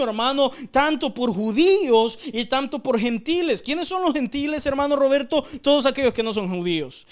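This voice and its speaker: A man leading a Bible study, teaching earnestly, repeating phrases for emphasis and often addressing listeners as brother. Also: very high voice.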